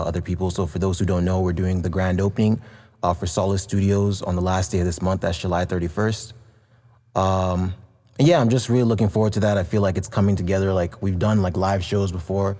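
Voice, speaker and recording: A low-pitched man with a mellow, dark tone rambles easily through casual podcast chat. He is from Canada, loose and unhurried with many fillers. His voice trails into a long reverb. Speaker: podcast co-host and studio owner.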